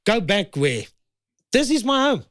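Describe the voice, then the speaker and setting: A man's voice: high voice, very animated, unhurried, fairly bright tone, no echo. South african guy in his 50s, talks up and down a lot, keeps repeating himself, dry close sound. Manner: emphatic, repeats his points. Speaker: guest. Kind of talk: heated conversation.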